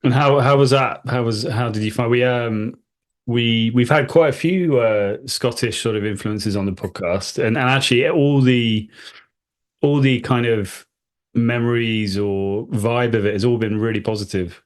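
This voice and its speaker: A man's voice: medium pitch, moderate pace. A man co-hosting a podcast, asking questions hesitantly. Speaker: podcast co-host.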